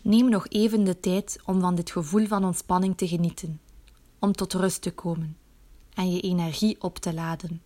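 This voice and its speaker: A woman narrates a guided muscle relaxation exercise in a soothing, instructive way, gently coaxing the listener along. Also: lowish voice, fairly even intonation, normal speed.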